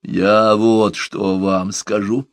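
A man's voice: on the low side, flat delivery, extremely slow, no room sound, clean studio sound. A man voicing a fretful, rambling old man with a quavering, plaintive voice in an audiobook. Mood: wheedling.

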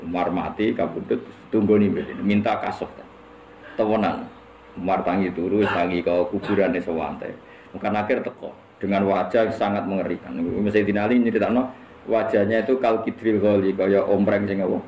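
A man's voice: fairly low pitch, fairly even intonation, moderate pace, a little mellow, highs cut off. A man with a Javanese accent giving a religious lecture, telling humorous stories and often laughing. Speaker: Islamic preacher. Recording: echoey room with faint noise.

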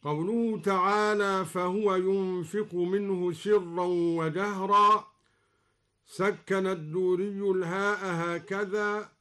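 A man giving a radio lesson on Quran recitation variants. He explains each point in a measured way, then chants the verse as an example. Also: high-pitched, steady tone, bright, forceful tone.

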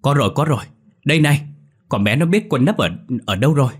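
A man's voice: lowish voice, brisk, breathy edge. A man voicing a blunt young man who is helping search for a missing child. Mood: urgent.

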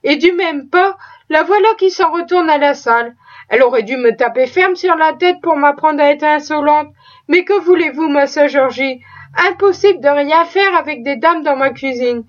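A woman's voice: high voice, normal speed, close to an everyday voice. A woman voicing a proud, talkative, pious female cook who chatters in a folksy, exclaiming way. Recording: slightly dull lo-fi recording.

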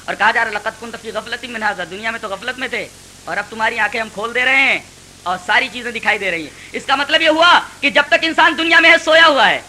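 A man's voice: very high-pitched, bright, forceful tone, slight background noise, rough recording. A man giving a Quran commentary lecture, preaching emphatically with rhetorical questions.

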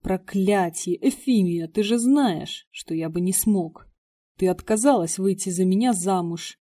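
A woman reading the part of an agitated young gentleman in an audiobook. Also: sits high, unhurried. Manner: exasperated, excitable.

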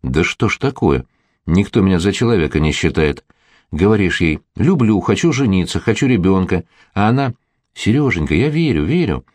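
Earnest man in his thirties, deep and lively, audiobook lead, read by a man. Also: normal speed, dry recording. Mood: exasperated. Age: 30s. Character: grown man, actor, shy, earnest, wants family.

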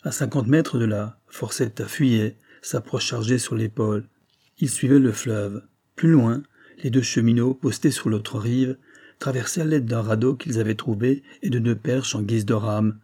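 A man reading a classic adventure novel aloud in steady, measured narration. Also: medium pitch. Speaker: audiobook narrator. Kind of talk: scripted narration.

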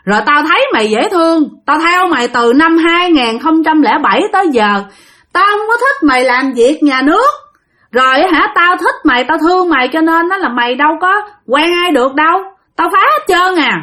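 A woman's voice: high-pitched, lively intonation, moderate pace, bright, forceful tone, pitched above the performer's own voice. A woman voicing a long-dead, jealous male ghost who speaks through a fortune teller in a brusque, scolding way. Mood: possessive. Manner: brusque and scolding, crude familiar address.

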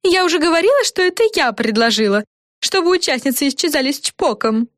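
Woman voicing a vain chatty fairy in a storybook, very high sugary pitch, boastful, dry close sound. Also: very animated, fast, fairly bright tone, no room sound. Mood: pleased. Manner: boastful, prattling.

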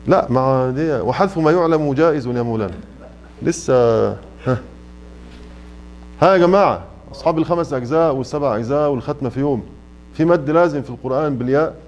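A man's voice: fairly high pitch, fast talker, darkish tone, slight background noise. A man with an Egyptian Arabic accent teaching a tajweed lesson in a mosque, stretching out his examples and quizzing students. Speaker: Quran recitation teacher. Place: mosque classroom.

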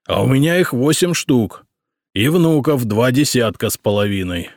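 A man reading an audiobook, voicing a calm, stubborn old boyar who answers in a level, dignified way. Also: medium pitch, dry recording, studio quality, voice pushed up. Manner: level, dignified, unhurried replies.

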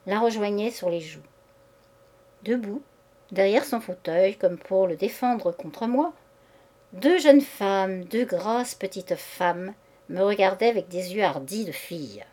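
Woman reader, literary short story, measured expressive narration. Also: mid-range voice.

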